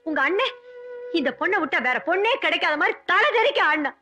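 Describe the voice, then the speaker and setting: A woman's voice: very high-pitched, expressive, quick pace, pushed and bright, faint music behind, exaggerated voice. A weeping, bitter mother. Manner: tearful, lamenting, scolding her daughters. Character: aggrieved middle-aged mother, bitter and weeping. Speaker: mother in a film family drama.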